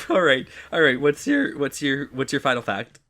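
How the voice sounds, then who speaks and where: A man co-hosting a casual history podcast, excitable and jokey, with quick asides. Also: medium pitch. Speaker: podcast co-host.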